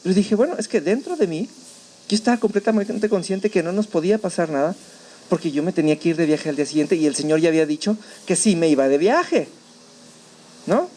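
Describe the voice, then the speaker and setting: Animated Mexican preacher, high voice. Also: male voice, fairly quick. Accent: Mexican Spanish. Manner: animated storytelling, acting out his own shouts. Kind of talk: sermon testimony. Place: church.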